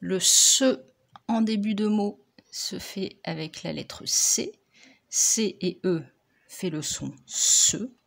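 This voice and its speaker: Slow, deliberate woman teacher. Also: mid-range voice, creaky. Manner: slow, deliberate, over-articulated words for young pupils. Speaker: primary school teacher. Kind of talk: slow dictation and spelling correction.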